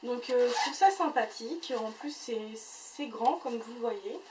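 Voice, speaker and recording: A woman's voice: on the high side, a little slow, echoey room. A woman chatting casually as she unboxes and reviews beauty boxes, full of fillers and restarts. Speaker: beauty vlogger. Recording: voice a bit far from the mic, faint noise.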